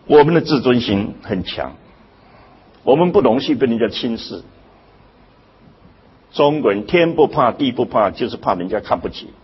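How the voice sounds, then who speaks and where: Husky older man lecturing emphatically. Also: expressive, moderate pace, long pauses. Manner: emphatic, rhetorical questions, sudden jumps in pitch. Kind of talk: public lecture. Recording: dull lo-fi recording.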